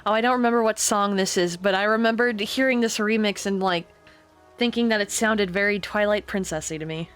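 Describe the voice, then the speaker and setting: A young woman streaming casually while she draws, chatting to viewers, giggling and muttering quietly to herself as she works. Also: mid-range voice, fairly quick, smooth. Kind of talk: casual art stream chat. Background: faint music.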